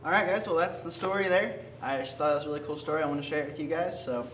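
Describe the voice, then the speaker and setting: A man's voice: a little high, racing, a bit bright. A young man speaking casually as the host of a homemade video, chatting to his viewers. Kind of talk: casual vlog chat. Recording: echoey, distant mic, faint noise.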